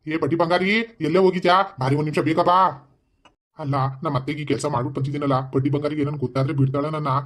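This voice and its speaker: A man's voice: fairly high pitch, fairly even intonation, rapid-fire, natural voice. Man voicing a harried cartoon son-in-law. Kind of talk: animated comedy cartoon voice.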